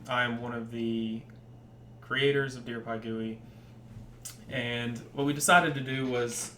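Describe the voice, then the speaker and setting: A young man, a library developer, giving a casual screen-recorded tutorial, relaxed and full of ums and trailing pauses. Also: mid-range voice. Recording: roomy echo with faint hum.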